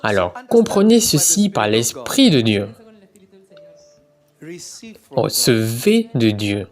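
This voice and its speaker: Lively, exhorting preacher. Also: medium pitch, slow pace, faint music behind. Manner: exhorting, addresses the congregation directly with commands and questions. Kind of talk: sermon.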